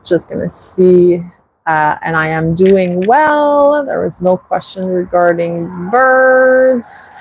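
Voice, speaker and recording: This bird-keeping host from Quebec, Canada, talks to her livestream audience in a lowish, lively voice, her English carrying a French accent as a second language. She's relaxed, restarts a lot, and reads comments aloud; the recording is rough with slight background noise.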